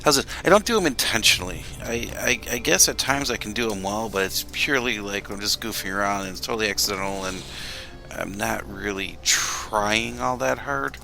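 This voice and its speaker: A man's voice: fairly low pitch, brisk, creaky, sharp tone, soft background music. A man casually commenting while he plays a game on a live stream, rambling and self-deprecating, often trailing off mid-sentence. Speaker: gameplay streamer.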